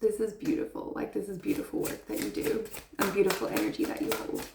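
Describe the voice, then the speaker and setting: A woman's voice: medium pitch, big pitch swings, fast talker, creaky, reverberant, background noise. A woman giving an intuitive tarot reading to her viewers, speaking in an earnest, affirming way and heaping praise on them. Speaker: tarot reader.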